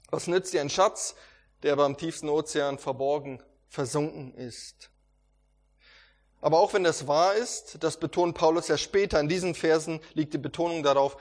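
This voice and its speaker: A man preaching a Bible lesson in an earnest, emphatic way, driving points home through repetition. His voice sits a little high for a man, and he now and then stumbles and restarts a word. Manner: earnest, emphatic with repeated phrases. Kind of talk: Bible teaching sermon.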